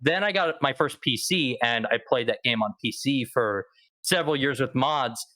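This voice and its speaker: Bright-voiced young man chatting. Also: mid-range voice, moderate pace, low-quality recording. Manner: chatty, rambling, with fillers and laughs. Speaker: podcast guest. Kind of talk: casual podcast chat.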